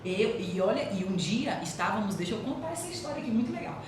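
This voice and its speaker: A woman with a Brazilian Portuguese accent, co-hosting a casual faith podcast and telling stories with lively laughter. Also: medium pitch, fast talker. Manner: animated storyteller, laughs often. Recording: echoey room, distant mic, noisy.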